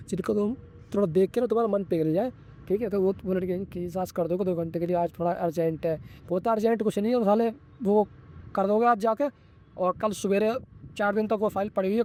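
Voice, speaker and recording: A man's voice: high-pitched, fairly even intonation, quick pace, dark tone. A young man giving blunt, slangy career advice in a casual vlog monologue, addressing viewers as brother. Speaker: vlogger.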